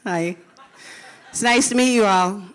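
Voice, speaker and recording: A woman in her thirties from Milwaukee, USA, who teaches music at a public school, earnestly tells her own story at a live talk on stage. Her voice is medium-pitched and unhurried.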